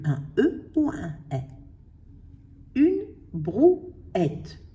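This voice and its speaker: A woman teaching a spelling lesson, slowly sounding out syllables and letters for her pupils. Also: on the high side, warm tone, recorded from a distance. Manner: slow, carefully sounding out syllables.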